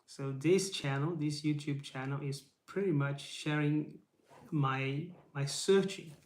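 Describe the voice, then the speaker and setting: A man whose first language is Portuguese hosts his YouTube channel, speaking English to camera in a relaxed live motivational chat. He takes it slowly, his fairly high voice a little mellow, and the camera mic gives a roomy sound. He comes across earnest and encouraging, asking rhetorical questions and saying "right?" often.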